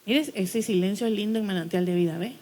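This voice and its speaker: A woman's voice: mid-range voice, fast, dark tone, big-room sound. A woman pastor preaching a sermon, blunt and direct, firing rhetorical questions at the congregation.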